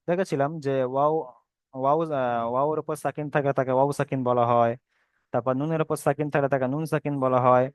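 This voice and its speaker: A man's voice: fairly high pitch, clean tone, no echo. A man teaching a Quran reading lesson, patiently explaining and repeating, stretching sounds out when he demonstrates the letters.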